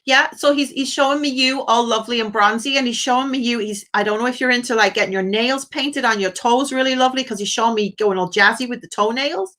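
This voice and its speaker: A woman with a higher voice speaks quickly and sharply, barely pausing, as she hosts a live phone-in as a psychic medium. She gushes with endearments and blessings, passing messages to a caller in quoted asides.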